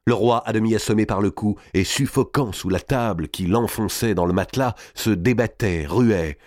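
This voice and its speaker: A man reading a historical novel aloud in a dramatic, measured narration. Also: lowish voice, no room sound.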